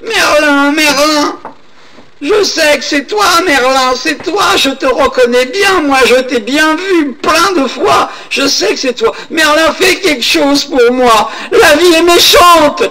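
A man voicing a desperate old peasant woman who wails her pleas in a high, crying voice. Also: lively intonation, slow pace, crowd noise, heavily acted. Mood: pleading wailing.

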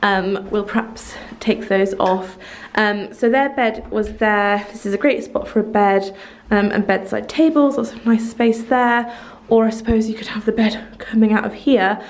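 A woman's voice: medium pitch, steady tone, measured pace, slight background noise. Woman in her thirties, chatty house-tour vlog, camera held at arm's length, bare empty rooms. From England. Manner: chatty, fond, many ums and likes. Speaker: vlogger. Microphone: handheld camera at arm's length.

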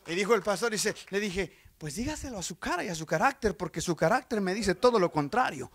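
A man preaching an evangelical sermon, swinging from loud exclamations to hushed storytelling, with repeated phrases and calls of amen. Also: high voice, lively intonation, a little fast. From Texas, USA. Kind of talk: Spanish-language sermon.

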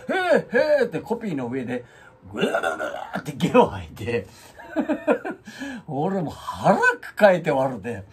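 A man's voice: medium pitch, breathy edge. A man with a Kansai accent hosting his own channel, chatting casually and acting out the quoted lines in his stories. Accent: Kansai Japanese. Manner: animated storyteller who acts out quoted lines. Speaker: channel host. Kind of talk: casual monologue about his pets.

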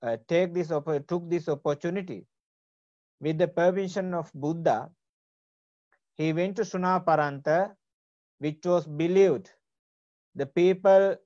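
A man in his forties from Sri Lanka giving an online lecture in a deliberate manner with many fillers, over a video call from an office. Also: fairly high pitch, warm tone, no room sound. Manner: slow, deliberate, with frequent fillers. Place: office with bookshelves. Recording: dull lo-fi video call audio.

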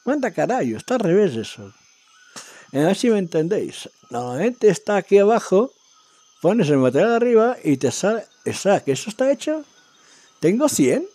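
A man giving casual, excitable commentary as he plays a game, talking to himself and his viewers. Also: sits high, normal speed, no room sound. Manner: talks to himself and viewers while exploring, excitable. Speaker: gaming video creator.

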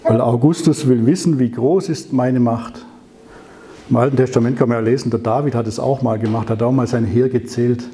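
A man giving a conversational sermon, telling the story with rhetorical questions and slowing down on key phrases. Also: medium pitch, fairly even intonation, warm tone. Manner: slows down to stress key phrases. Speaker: preacher.

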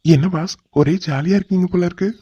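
A man's voice: sits high, fairly quick, mellow, breathy edge, no room sound. A man voicing a cheeky young male assistant in a cartoon drama, teasing his boss. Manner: teasing, playful. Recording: dull lo-fi recording.

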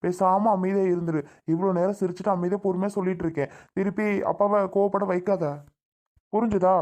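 An impatient father, played by a man, keeps lecturing his small daughter in rapid, irritated talk. He threatens her more and more as his patience wears thin. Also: sits high, fairly even intonation, a little mellow, close to an everyday voice. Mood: threatening. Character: stern, impatient young father.

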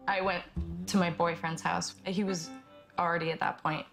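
A young woman recounts her story for a documentary in a low, flat, slightly gravelly voice. She speaks softly and haltingly, with frequent pauses and fillers, while guitar music plays beneath her. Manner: halting and soft-spoken, many pauses and fillers. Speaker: interviewee. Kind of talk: documentary testimony.

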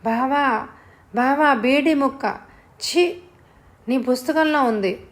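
A woman voicing a lively, teasing young village girl with a childlike, pleading way of talking. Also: medium pitch, normal speed, close to an everyday voice.

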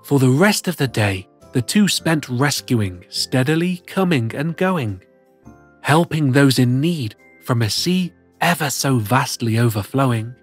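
Picture books are read to children by a storyteller host voicing a cheerful plush cat, theatrical and sing-song in tone. The mid-range voice is expressive and slightly rough, at a measured pace, with faint music behind.

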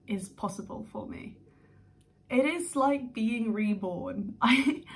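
A young woman from the UK sits down at home to record an unedited vlog. She talks in a nervous, rambling way, rushing ahead and then catching herself, with frequent restarts. Her voice sits at a middle pitch. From United Kingdom. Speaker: vlogger.

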